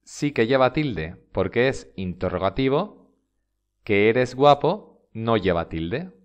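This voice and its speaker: Man, Spanish accent from Spain, language teacher, slow steady pace, lively rising and falling pitch, carefully stressed examples. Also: lo-fi sound. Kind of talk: scripted instructional narration.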